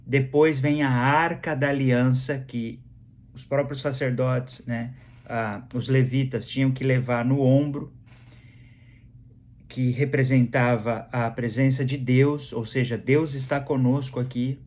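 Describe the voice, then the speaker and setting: Slow-preaching Brazilian pastor. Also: male voice, medium pitch, fairly even intonation, a little mellow. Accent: Brazilian Portuguese. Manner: conversational preaching, repeats phrases for emphasis. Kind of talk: sermon.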